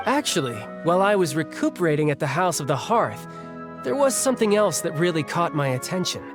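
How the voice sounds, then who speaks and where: A man's voice: a little high, sing-song, a little fast, music in the background. A man voicing Childe, a cocky young warrior in a game cutscene who talks in a casual, joking way. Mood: easygoing. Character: cocky young male warrior, breezy and eager to fight.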